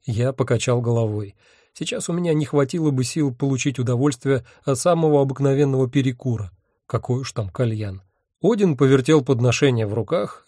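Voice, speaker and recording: Male audiobook narrator, first-person story, wry ironic delivery, mellow dark tone, dry close recording. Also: medium pitch, no room sound.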